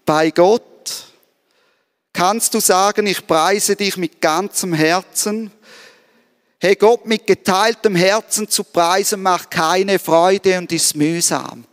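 Earnest high-voiced male preacher, reverberant hall. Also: slow. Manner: earnest, asks the listener direct questions. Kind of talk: sermon. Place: church service.

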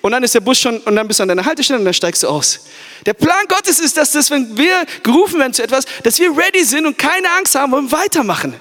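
High-voiced preacher in an echoing hall. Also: male voice, lively intonation, quick pace, pushed and bright. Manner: fervent preaching, asks the crowd "Amen?", mixes in English words. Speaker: youth pastor. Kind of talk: sermon. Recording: echoey church hall.

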